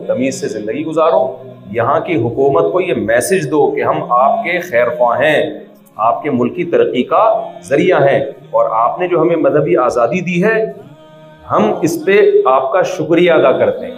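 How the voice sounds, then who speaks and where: A man's voice: a little high, roomy sound, rough recording. A man giving an informal religious talk, conversational, asking rhetorical questions and acting out little exchanges. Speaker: Islamic preacher.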